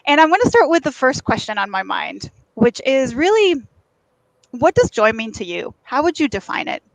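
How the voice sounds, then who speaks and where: Woman from mexico hosting a chatty coaching livestream, highish voice, close dry sound. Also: big pitch swings, moderate pace, vocal fry, no room sound, poor audio. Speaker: host, life and career coach. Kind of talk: conversational livestream monologue and interview. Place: at a beach.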